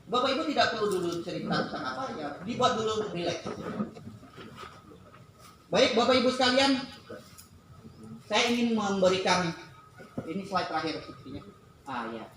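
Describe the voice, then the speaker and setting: A man's voice: sits high, a bit bright, heavy reverb, slight background noise, poor audio. A man giving a workshop talk to an audience, acting out little dialogues in playful voices. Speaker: workshop presenter. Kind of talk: lively seminar talk.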